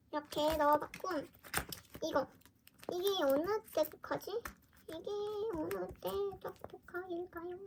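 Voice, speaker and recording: A woman chatting casually through an unboxing for her fan vlog, often exclaiming softly as she goes. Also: sits high, a little hiss or hum. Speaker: fan vlogger.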